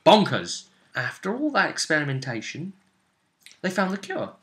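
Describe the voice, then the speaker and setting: This man, running a tabletop roleplaying game as game master, gives a casual story recap in a fairly high, a bit bright voice whose pitch swoops wildly. He's halting and emphatic, repeating phrases along the way.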